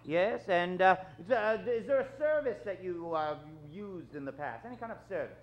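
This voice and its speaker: In a dull, lo-fi live recording from a theater stage, a middle-aged man presents an improvised radio show. His voice sits high, expressive and moderately paced, delivering the hesitant yet courteous, theatrical patter of an old-time announcer.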